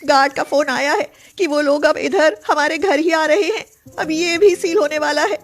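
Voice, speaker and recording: Casting: woman voicing a high, shrill, wailing rich sister in panic, storybook. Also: moderate pace, natural voice. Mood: panicked. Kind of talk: storybook voice acting.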